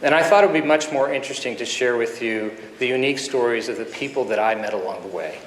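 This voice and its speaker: A man in his fifties, a surgeon giving an earnest keynote speech full of anecdotes, with pauses and fillers, at a podium microphone in a conference hall. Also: medium pitch, slight background noise. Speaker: guest speaker, surgeon. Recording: echoey hall with faint ambience.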